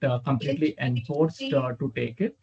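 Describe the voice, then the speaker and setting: A man answering questions over a video call. He explains step by step in a halting way, with lots of "uh" fillers, and his voice sits at an average pitch. The call audio is somewhat dull and muffled. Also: expressive, vocal fry, a little mellow, slightly rough. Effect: heard over a video call. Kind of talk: unscripted Q&A explanation.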